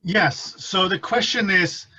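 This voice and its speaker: A man's voice: high voice, slow pace, sharp tone, slightly rough. A man moderating a panel question session over an online call with lo-fi sound. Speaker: webinar moderator. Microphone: video call. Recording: dull, lo-fi online call audio.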